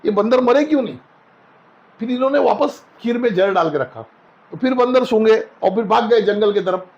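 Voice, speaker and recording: A man's voice: high-pitched, expressive, normal speed, darkish tone, highs cut off. A man as a spiritual guest, telling homely anecdotes in a casual interview and acting out the voices in them. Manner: anecdotal, folksy, acts out quoted voices.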